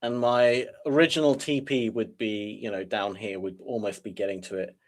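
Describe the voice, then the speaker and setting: A man's voice: lowish voice, steady tone, moderate pace. A man giving live trading commentary to his viewers in a frustrated, self-deprecating way, sighing as he muses. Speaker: day trader streaming live.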